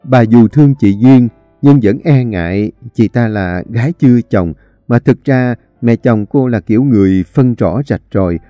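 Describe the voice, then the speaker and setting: A man's voice: medium pitch, moderate pace, no room sound, faint music behind. A man narrating a dramatic novel expressively. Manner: expressive, animated storytelling. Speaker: story reader.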